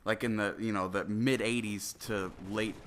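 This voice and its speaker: Here a gaming commentator in his twenties talks alone at normal speed, his lowish voice steady but nasal and congested from a cold. He rambles and frequently abandons sentences partway to restart, with slight background noise in the recording.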